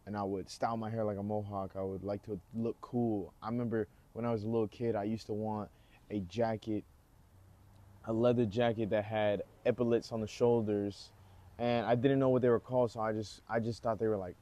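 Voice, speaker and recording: A man's voice: fairly low pitch, fairly quick. A man, rambling casually outdoors as he introduces himself in a vlog. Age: 20s. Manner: relaxed, rambling, lots of fillers. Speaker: vlogger. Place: outdoors, rain nearby.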